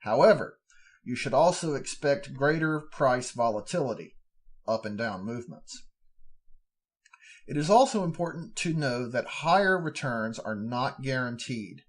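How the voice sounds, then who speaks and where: A man's voice: medium pitch, expressive, measured pace. A man hosting a podcast, steadily reading formal fund descriptions aloud and breaking off now and then for plain spoken asides. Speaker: podcast host.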